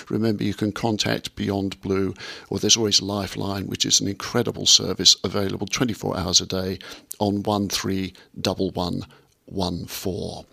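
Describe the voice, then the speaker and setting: A man's voice: on the low side, vocal fry, sharp tone. An Australian man presenting conversationally as a radio host, recorded on a studio microphone.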